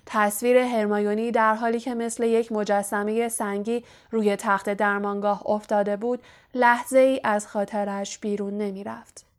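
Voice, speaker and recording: A woman narrating an audiobook in a measured, even reading style. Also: medium pitch. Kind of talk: scripted narration.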